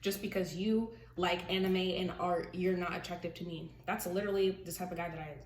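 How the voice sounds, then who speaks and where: A woman's voice: lowish voice, fairly even intonation, a little fast. A young woman hosting a channel, chatting casually and animatedly over a mukbang, often laughing as she talks. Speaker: channel host. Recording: echoey room, distant mic, faint hiss.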